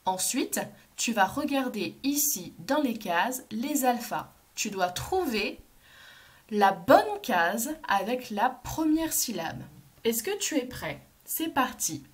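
A woman teacher, leading a phonics lesson for young children, slow and clearly articulated and encouraging. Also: a little high, very animated. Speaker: kindergarten teacher.

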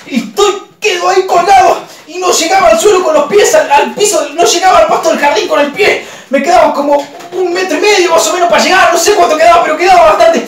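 A man with a Rioplatense accent telling a comic story in an animated, exclamatory way, swearing freely. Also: very high-pitched, fast, few pauses, distant mic. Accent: Rioplatense Spanish. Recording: roomy, off-mic, faint noise.

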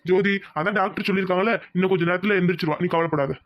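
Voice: mid-range voice, steady tone, rapid-fire, highs cut off, natural voice. A performer voicing a worried, kindly village uncle who comforts his niece in a cartoon. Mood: anxious. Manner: anxious but reassuring. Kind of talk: cartoon voice acting.

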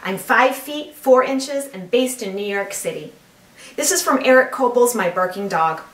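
A woman's voice: on the high side, lively intonation, normal speed. A middle-aged woman giving a formal self-introduction as an actor before an audition piece. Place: indoor studio against plain backdrop. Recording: roomy, distant mic, background noise.

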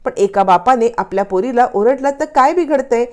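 A woman voicing a stern older grandmother in a drama recap, sharp and defensive. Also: on the high side, lively intonation, moderate pace, voice pushed up, natural voice.

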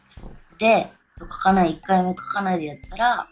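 A woman's voice: on the low side, fairly quick, soft background music. A drunk woman in her thirties chatting casually to camera, rambling and often losing her train of thought. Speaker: vlogger. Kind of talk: casual solo chat to camera. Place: small bedroom or hotel room, indoors.

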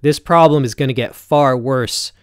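A fitness YouTuber in his forties talks casually to camera from his home gym, blunt and conversational, often tagging his points with "right?" His mid-range voice is clear and resonant at a moderate pace, with clean studio sound and no room sound.

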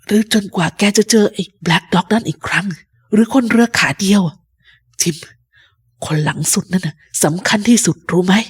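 Woman reading as a husky, ailing old pirate captain. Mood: secretive. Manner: slow, low, strained speech. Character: sick old male pirate captain, drink-hungry and fearful. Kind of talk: storybook reading.

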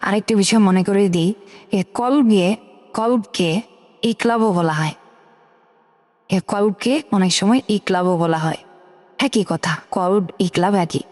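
A woman teaching Quran reading, slowly spelling out letters and vowel marks and asking questions that she answers herself. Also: medium pitch, darkish tone, big-room sound. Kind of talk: step-by-step spelling lesson.

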